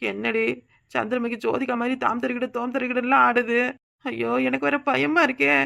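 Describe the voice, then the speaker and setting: A woman voicing a sharp-tongued young village woman in a cartoon comedy, sarcastic and irreverent, with a Kanyakumari Tamil accent. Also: a little high, flat delivery, fairly quick, creaky. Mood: scared. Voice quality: sarcastic, mouthy.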